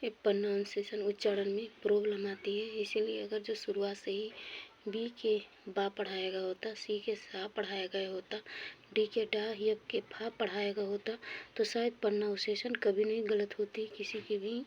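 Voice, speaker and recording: A woman's voice: mid-range voice, level tone, moderate pace, darkish tone, highs cut off, a little hiss or hum. A woman teaching English pronunciation, drilling words one by one, repeating each and giving its meaning. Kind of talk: spoken lesson on pronunciation.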